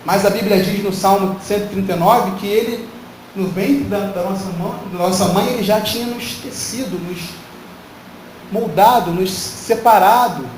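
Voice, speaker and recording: A man's voice: high-pitched, moderate pace. A male pastor preaching a sermon, emphatic and full of rhetorical questions to the congregation. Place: church hall. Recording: very echoey hall from far off, faint noise.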